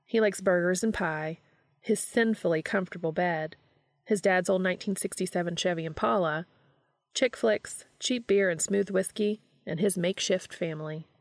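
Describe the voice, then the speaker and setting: Female storyteller reading fiction aloud, low, gravelly, dry. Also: normal speed, no echo. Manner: steady, even narration. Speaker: fanfiction reader.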